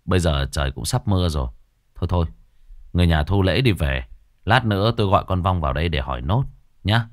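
A man voicing a calm, commanding young exorcist who speaks sternly and without hurry. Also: sits low, dry recording, clean studio sound, pitched below the performer's own voice. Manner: stern, threatening, unhurried.

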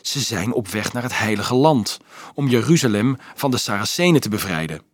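A man reading an audiobook, voicing a quiet young male student who speaks calmly and sorrowfully. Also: fairly low pitch, normal speed, husky, no echo. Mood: grave. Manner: calm, sparing, subdued speech.

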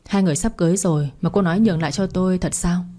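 A woman's voice: fairly low pitch, racing, dark tone, close to an everyday voice. A woman voicing a cold, jealous young woman who talks in curt, sneering lines.

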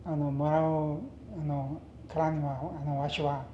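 Older man, western Japanese dialect, halting storyteller with soft-edged mellow tone, muffled roomy interview tape. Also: on the high side, flat delivery. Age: older, retired. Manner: halting, anecdotal, mixes in English words. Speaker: oral history interviewee. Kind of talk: reminiscing in conversation. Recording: echoey, muffled, noisy interview recording.

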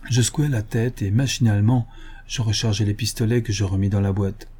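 A man narrating a classic novel in a measured, expressive first-person reading. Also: lowish voice, breathy edge. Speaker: audiobook narrator. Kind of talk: literary audiobook narration.

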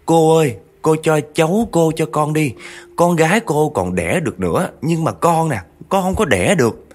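A man's voice: fairly high pitch, lively intonation, normal speed, pitched above the performer's own voice. A man voicing a desperate, childless young woman who pleads and wails. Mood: begging. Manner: pleading, wailing and pushy.

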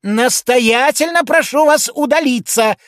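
A man's voice: very high voice, a little slow, fairly bright tone, dry recording, voice pushed up. A man voicing a stern, officious male policeman who gives firm, insistent orders, in a dry studio recording.

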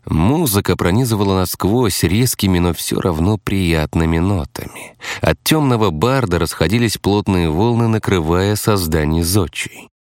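A man narrating an audiobook in first person with a steady storytelling delivery. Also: low voice, normal speed, dry recording, studio quality.

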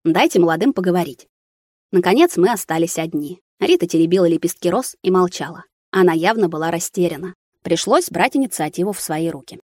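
Woman reading an audiobook, low and dry. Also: expressive, brisk, few pauses, darkish tone, no echo. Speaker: audiobook reader. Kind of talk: scripted first-person narration.

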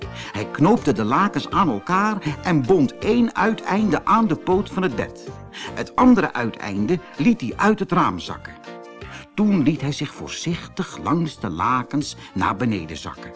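Slow, expressive male storybook narrator. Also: a little high, soft background music. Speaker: audiobook narrator.

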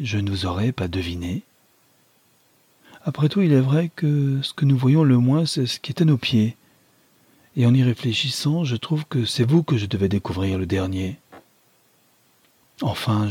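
A man's voice: dark tone, slightly rough, no echo, natural voice. Man putting on a vain chattering society mother. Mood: proud. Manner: effusive, exclaiming, raised higher voice.

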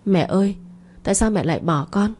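A woman's voice: mid-range voice, animated, brisk, darkish tone, slight background noise, lightly acted. A woman voicing the ghost of a dead baby boy who weeps and accuses his mother. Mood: tearful. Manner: tearful, accusing.

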